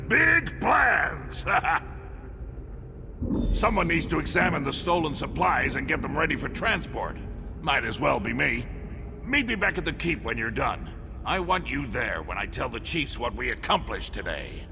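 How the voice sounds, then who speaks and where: A man's voice: mid-range voice, sing-song, normal speed, creaky. An actor playing an ambitious, boastful male orc warlord who wants to be king, in a video game. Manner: boastful, scheming. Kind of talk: game voice acting. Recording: reverberant game audio with background noise.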